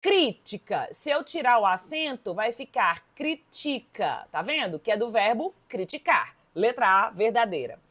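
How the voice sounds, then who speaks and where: A woman with a Brazilian Portuguese accent teaching an exam-prep grammar lesson, lively and emphatic, talking straight to her students. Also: a little high, normal speed, hardly any pauses.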